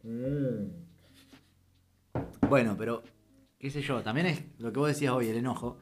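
A man's voice: medium pitch, steady tone, measured pace, faint music behind. A man with a Rioplatense Spanish accent co-hosting a casual podcast chat, joking and laughing often. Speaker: podcast co-host.

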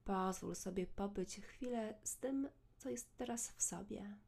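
A woman leads a guided meditation in a soft, hushed, soothing voice close to the ear, measured, with long pauses. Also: mid-range voice. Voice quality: soft, breathy.

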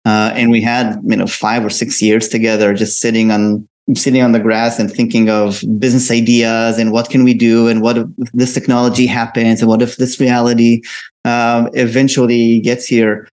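A man's voice: mid-range voice, little pitch movement, moderate pace, a little mellow. A middle-aged man with an Israeli accent, a company founder answering interview questions, often restarting with fillers. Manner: many fillers and restarts, explanatory. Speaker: company co-founder and CEO, guest.

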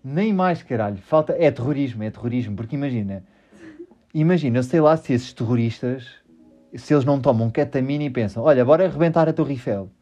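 A man's voice: medium pitch, fairly quick, mellow, highs cut off, faint music behind. Rambling European Portuguese man hosting a podcast. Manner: rambling, self-mocking, swears often. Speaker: podcast host. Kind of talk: casual podcast monologue.

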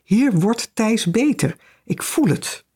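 A woman's voice: on the high side, lively intonation, slow pace, a little mellow, slightly rough, pitched above the performer's own voice, heavily acted. A woman reading an audiobook, voicing a bossy, scheming middle-aged woman who is full of plans and sweeps everyone along in an emphatic, commanding way. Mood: triumphant. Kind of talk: audiobook character voice.

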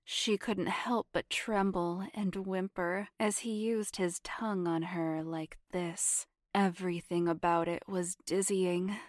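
A woman reads a scripted story in a slow, unhurried way. Her voice sits a little low and sometimes falls to a whisper. The recording is close and dry. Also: fairly even intonation, no echo. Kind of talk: scripted erotic story narration.

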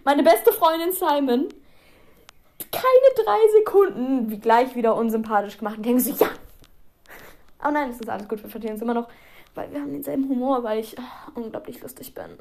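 A teenage girl talks on her own podcast in a loose, chatty way. Her voice sits a little high, and she drifts between topics with self-mocking asides and small giggles. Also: a little fast, long pauses, a little mellow. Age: teens. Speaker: podcast host. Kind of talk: casual solo podcast chat.

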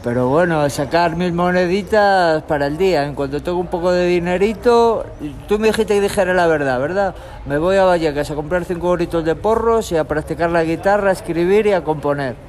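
A young man from Galicia, a street guitarist, talking in a relaxed, rambling way in an outdoor tunnel. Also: sits high, brisk, a little hiss or hum. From Galicia, Spain. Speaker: street musician. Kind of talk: street interview. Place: tunnel in a city park, outdoors.

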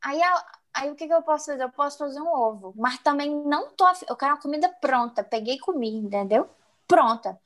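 A woman chats on a casual podcast, her fairly high voice rising and falling as she acts out her frustrations. She tells stories dramatically, with exasperated asides. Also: animated, quick pace, a bit bright. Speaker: podcast co-host. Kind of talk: casual chat.

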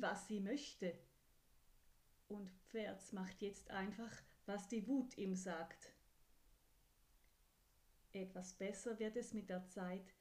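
A woman reading a children's bedtime story very slowly and gently, her voice of middling pitch. At quiet moments she sinks into a soft whisper. The delivery stays calm and unhurried. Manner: slow, gentle, sometimes dropping to a whisper.

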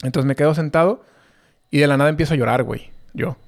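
A young Mexican man spins a rambling tale in loose street slang, leaning on fillers as he goes. His voice sits a little higher than most men's. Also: quick pace, vocal fry. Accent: Mexican Spanish. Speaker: storyteller. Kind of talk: casual chat.

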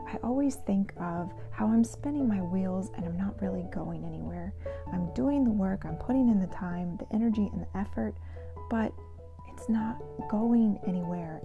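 Woman, intuitive card reader, deliberate phrasing, slow pace, crackly fry, music behind. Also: mid-range voice, highs cut off. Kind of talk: oracle card reading addressed to the listener.

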